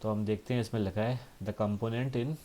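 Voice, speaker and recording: Give me a man with a warm, low voice patiently explaining a science lesson, with a faint hiss on the recording. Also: fairly even intonation. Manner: explains patiently, with frequent tag questions; reads textbook lines slowly in English. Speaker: science teacher. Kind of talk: classroom lesson.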